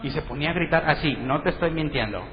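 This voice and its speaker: A man preaches to his congregation with a slightly high voice, firing questions at them and acting out the people he quotes. The sound is a bit dull, with a long reverb from the hall and faint noise underneath. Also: fast. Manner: conversational, asks the congregation questions, acts out quotes. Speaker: pastor. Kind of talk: sermon.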